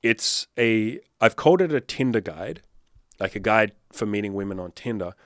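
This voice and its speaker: A man's voice: on the low side, animated, moderate pace, a bit bright, no room sound, studio quality. A man in his thirties, a dating coach giving blunt, profane, fired-up advice in a casual monologue. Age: 30s.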